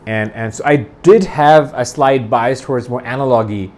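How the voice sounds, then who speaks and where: An audio gear reviewer in his forties from Bangladesh talks through a review without a script, enthusiastic and rambling, often restarting phrases. His voice is medium-pitched, slightly mellow, at a moderate pace.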